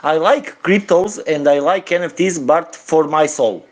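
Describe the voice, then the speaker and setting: Slow, halting man. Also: fairly high pitch. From Serbia. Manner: halting, searching for words, laughing between phrases. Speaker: guest caller. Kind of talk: casual chat on a live audio room.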